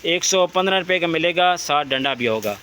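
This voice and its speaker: A man hosting a shop tour in a sales-pitch style, repeating each item and price as he presents it. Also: lively intonation, a little fast, pushed and bright, a little hiss or hum. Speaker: host presenting a wholesale shop's goods and prices.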